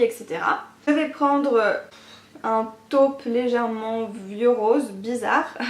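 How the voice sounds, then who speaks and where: A woman talking through a makeup tutorial in a chatty way, with many fillers. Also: a little high. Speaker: beauty YouTuber. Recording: echoey room.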